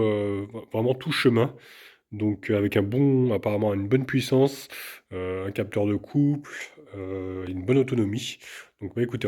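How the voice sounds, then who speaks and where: A man's voice: mid-range voice, mellow, slightly rough. A man casually talking viewers through an unboxing, enthusiastic and chatty, with lots of fillers and repeated words. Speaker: vlogger unboxing an e-bike.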